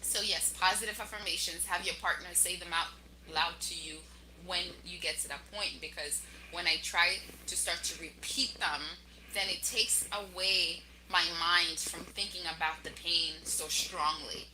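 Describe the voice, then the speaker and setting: A young adult woman hosting a podcast, telling her own story and giving advice in a chatty, animated way that speaks straight to listeners. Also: fairly low pitch, moderate pace, a little hiss or hum, poor audio. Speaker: podcast host.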